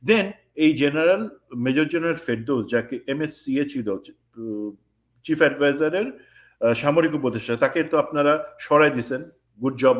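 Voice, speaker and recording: Fervent man, fairly high voice. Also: fairly bright tone. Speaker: political commentator. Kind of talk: heated political talk show discussion.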